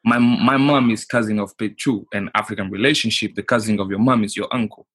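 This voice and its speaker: Husky low-voiced man. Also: steady tone, a bit bright. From Portugal. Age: 30s. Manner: halting, restarts often, many "you know, like". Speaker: guest. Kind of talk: casual interview.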